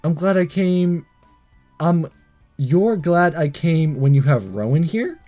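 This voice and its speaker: Over game music, a let's play host reads a visual novel out loud, stumbling, going back over lines and commenting as he goes. His voice is a little high and mellow, with lively intonation and an unhurried pace.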